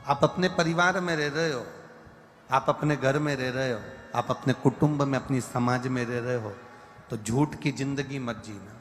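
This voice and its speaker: A man's voice: medium pitch, moderate pace. A man preaching a devotional sermon, stressing his points through lists and repetition, and now and then singing verses over music. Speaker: religious storyteller. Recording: music bed in a reverberant hall.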